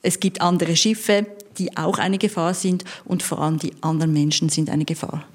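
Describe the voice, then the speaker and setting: Woman, book critic, low voice, explanatory, matter-of-fact, radio discussion. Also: fairly even intonation, moderate pace.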